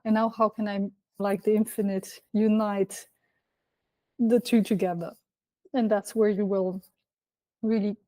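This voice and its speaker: A woman's voice: medium pitch, dark tone. A woman life coach talking on her podcast in a reflective, conversational way, putting many questions to her listeners. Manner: loose, conversational phrasing with frequent "like". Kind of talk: solo coaching podcast monologue.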